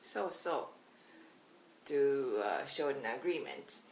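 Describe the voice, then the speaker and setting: A Japanese woman in her thirties with a Japanese accent gives a casual language lesson in a low voice with a lively, rising and falling melody. She speaks slowly and carefully, filling pauses with "uh." The room is echoey, with faint hiss behind her. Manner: slow, careful explanations with frequent "uh" fillers and example phrases. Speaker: language teacher. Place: small bright indoor room.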